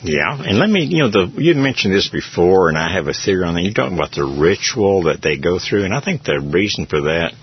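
Lecturing male radio co-host, deep rough voice, muffled lo-fi broadcast. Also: very animated, fairly quick, few pauses. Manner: opinionated, lecturing. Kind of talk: radio talk show discussion.

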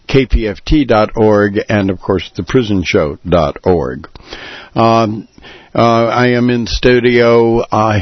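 A man's voice: lowish voice, no room sound. Hesitant male radio host, dry sound. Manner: hesitant, many filler sounds, deliberate explaining. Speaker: radio talk show host. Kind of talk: live radio talk. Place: radio studio. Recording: dull lo-fi radio broadcast.

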